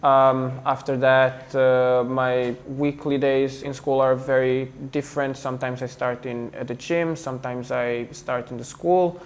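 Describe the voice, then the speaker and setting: A young man from Serbia with a Serbian accent, talking in an interview, pausing often with fillers and restarts. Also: medium pitch, little pitch movement. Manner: hesitant, many fillers and restarts. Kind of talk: casual interview talk.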